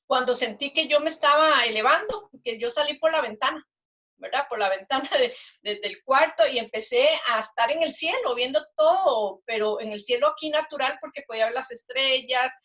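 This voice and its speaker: An older woman giving an earnest, halting testimony as an interview guest, with many restarts. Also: high-pitched, pushed and bright. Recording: dull lo-fi recording.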